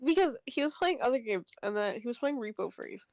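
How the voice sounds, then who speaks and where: A woman's voice: fairly high pitch, lively intonation, a little fast, darkish tone, no room sound. A woman chatting casually about a game she voiced characters in, laid-back and laughing easily. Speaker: co-player and voice actor in the playthrough. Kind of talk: casual chat.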